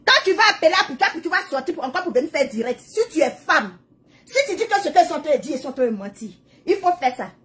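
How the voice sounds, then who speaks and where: With a high, fairly bright voice, lively intonation and a quick pace, a woman who is a mother livestreams on social media. Her casual monologue to followers is repetitive and emphatic, drifting into prayer-like preaching.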